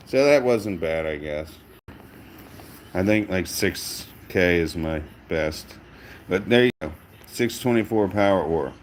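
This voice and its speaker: Low-voiced man with dry gameplay commentary. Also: slow, slight background noise. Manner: dry, self-mocking, monotone. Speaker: gaming channel host.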